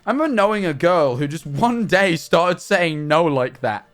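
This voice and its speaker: A young man streaming live, chatting in a rambling, animated, self-mocking way. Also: fairly high pitch, moderate pace, faint music behind. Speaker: livestreamer. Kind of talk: casual stream chat.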